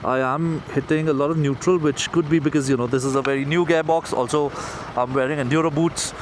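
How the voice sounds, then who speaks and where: Indian guy motovlogging from inside his helmet, kinda higher voice, chatting while riding, lots of road noise. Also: fairly even intonation, a little fast. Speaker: motorcycle reviewer. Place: outdoors on a motorbike, inside a helmet. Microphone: mic inside helmet. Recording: noisy road and engine sound, helmet mic.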